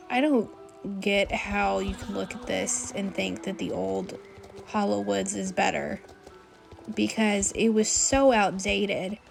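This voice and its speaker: A woman with a sore, cold-stricken hoarse voice gives casual, opinionated commentary over a video game. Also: mid-range voice. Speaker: gaming video creator. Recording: music behind the voice.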